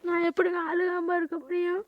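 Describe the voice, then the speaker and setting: Woman voicing a worried cartoon mother, scolding, high voice, faint hiss. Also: monotone, a little fast, dull audio. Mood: tearful. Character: worried village mother and wife.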